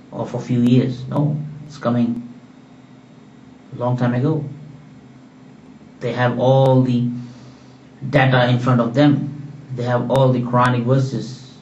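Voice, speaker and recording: A man's voice: mid-range voice, a little mellow, far from the mic, a little hiss or hum. Man, earnest author, hammering points home; dull, lo-fi, roomy recording. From Pakistan. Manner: emphatic, repetitive, lecturing. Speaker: author presenting his book. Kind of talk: earnest solo talk to camera.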